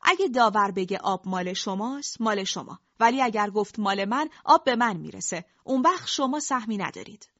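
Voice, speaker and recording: A woman's voice: mid-range voice, lively intonation, hardly any pauses, fairly bright tone, no echo. Stubborn devout old chief, plain firm delivery, woman reading, dull dry recording.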